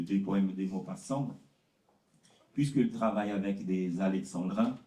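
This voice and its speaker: A man gives a conference talk about translation. He answers questions slowly and haltingly, often repeating words and using fillers. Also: on the low side, mellow, reverberant, recorded from a distance, rough recording. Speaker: literary translator presenting his work.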